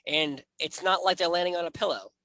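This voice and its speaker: A man hosting a casual interview, talking in an animated, emphatic and conversational way. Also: high-pitched, brisk, dry recording. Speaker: interview host.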